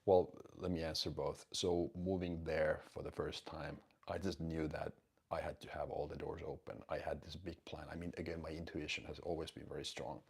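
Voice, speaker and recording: A man's voice: rumbling low, level tone, moderate pace, creaky, darkish tone, husky. A man, hosting a live stream and answering chat questions in a direct, emphatic, blunt coaching tone. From Finland.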